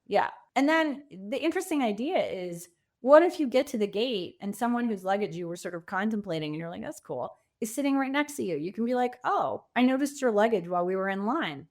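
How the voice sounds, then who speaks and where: As a podcast guest, a woman author and coach shares informal anecdotes and acts out quotes in conversational storytelling. Her medium-pitched voice is animated, a little fast and slightly mellow.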